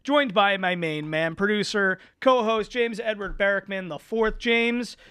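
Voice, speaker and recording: A man's voice: high voice, a little slow, sharp tone, smooth, no echo. A man hosting a sports talk show from a studio, speaking energetically and with emphasis.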